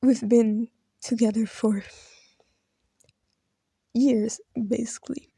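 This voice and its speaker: Her tribute is emotional and personal: a video creator, native in Brazilian Portuguese, speaks slowly and haltingly, on the verge of tears and often fading to soft whispers. The slightly high, dark, gravelly voice has a husky edge and fairly even intonation, recorded dry and close without echo.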